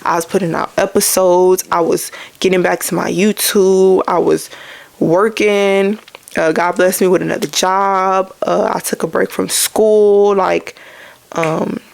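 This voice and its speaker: A woman's voice: fairly low pitch, steady tone, a little slow, gravelly. A young woman hosting her own podcast, chatting casually about faith and addressing listeners as y'all. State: out of breath. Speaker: podcast host.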